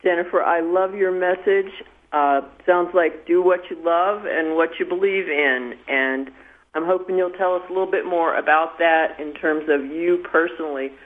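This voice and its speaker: A woman calling into a radio show, asking her question in a warm, encouraging way. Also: fairly low pitch, normal speed. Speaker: caller. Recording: tinny phone line.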